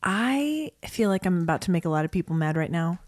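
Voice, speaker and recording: A woman co-hosting a casual podcast chat, talkative and expressive, laughing often. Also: on the low side, a little fast, dry recording. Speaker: podcast co-host.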